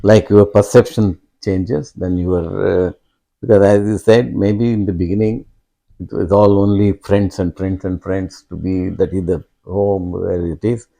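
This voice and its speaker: An older man, speaking slowly and reflectively as an interview guest, pausing often and restarting his sentences. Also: low-pitched, steady tone, vocal fry, dark tone. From India. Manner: halting and reflective, many fillers and restarts. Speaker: guest, father of host. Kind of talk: conversational interview.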